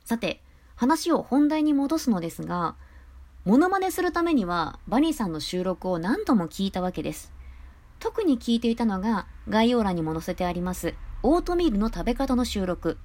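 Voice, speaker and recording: Peppy, high-spirited woman podcaster. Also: big pitch swings, normal speed, darkish tone. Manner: high-energy and chatty. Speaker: podcast host and voice creator. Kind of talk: casual solo talk.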